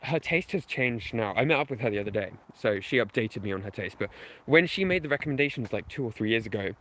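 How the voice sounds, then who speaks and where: A man's voice: mid-range voice, animated, quick pace, a bit bright. A man chatting casually with his stream viewers while walking outdoors at night, rambling and self-deprecating, with lots of fillers. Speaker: video game history YouTuber. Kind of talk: casual night-walk livestream chat.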